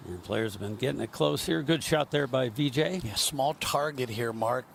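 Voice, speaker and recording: Gravelly male golf commentator. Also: normal speed. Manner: analytical, describes shots and greens in short phrases. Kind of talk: live golf tournament commentary. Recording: noisy outdoor broadcast with ambient rumble.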